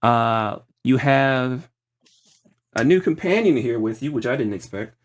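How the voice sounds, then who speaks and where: A man acts as game master for a tabletop roleplaying session. His pitch sits in the middle range, and he narrates haltingly, building each scene piece by piece. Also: expressive.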